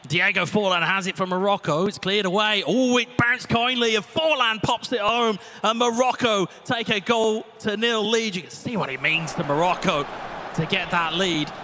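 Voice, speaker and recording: A man giving live play-by-play commentary on an esports football match, rising to shouts when goals go in. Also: high voice, moderate pace.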